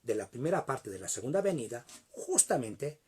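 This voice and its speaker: A man preaching a sermon, telling a story in an animated way and addressing the congregation directly. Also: mid-range voice, moderate pace, slightly rough.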